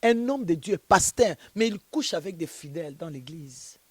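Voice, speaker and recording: A woman's voice: on the low side, lively intonation, moderate pace, a little mellow, slightly rough, dry recording. A woman pastor being interviewed, preaching and telling stories with emphasis. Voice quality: emphatic, storytelling.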